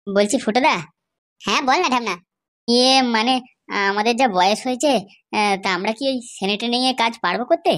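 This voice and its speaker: A woman doing a comedy cartoon, in a chatty and persuasive manner. Her voice is fairly high and she talks fast. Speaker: cartoon voice actor.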